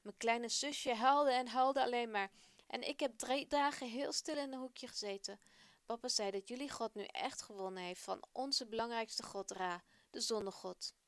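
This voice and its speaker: A woman voicing a frightened, awed Egyptian boy in a children's radio story, telling of his ordeal in a rushed, breathless way. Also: a little high, clean tone, no echo, close to an everyday voice.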